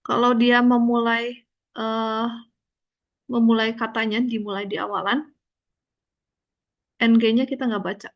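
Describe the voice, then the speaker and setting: Slow, patient woman teaching Korean. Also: fairly high pitch, dull audio. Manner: slow, patient explaining with frequent checks. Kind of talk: online language lesson.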